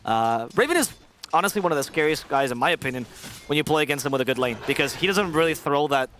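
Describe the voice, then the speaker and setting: Fast-talking male esports caster. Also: a little high, expressive, a bit bright, a little hiss or hum. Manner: fast, analytical, joking. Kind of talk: live game commentary.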